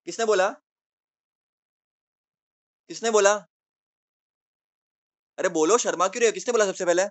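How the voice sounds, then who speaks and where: A man tutoring maths, coaxing students to answer and teasing them with playful praise. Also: high-pitched. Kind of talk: online class teaching.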